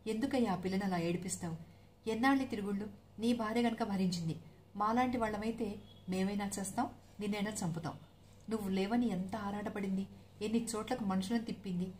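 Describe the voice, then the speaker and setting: A woman's voice: medium pitch, a little fast, a little mellow, a little hiss or hum, natural voice. A woman voicing a frank, affectionate sister-in-law who chides him familiarly in a story reading. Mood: chiding. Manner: chiding, familiar.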